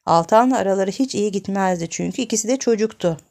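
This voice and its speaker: A woman narrating a short story in a calm, even storytelling voice. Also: medium pitch, fast talker. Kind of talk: storybook reading.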